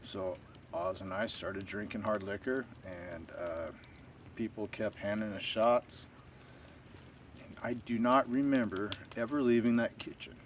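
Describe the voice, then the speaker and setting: A man telling a long story to camera in a rambling, unhurried way, full of fillers. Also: on the low side. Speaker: stealth camping vlogger. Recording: distant outdoor camera audio with faint ambient noise.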